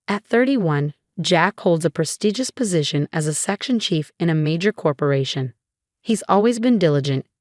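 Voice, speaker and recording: A woman tells a scripted first-person family story in a measured, even manner. Her voice sits on the low side, and the recording is close and dry with no room sound. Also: no room sound. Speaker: story narrator.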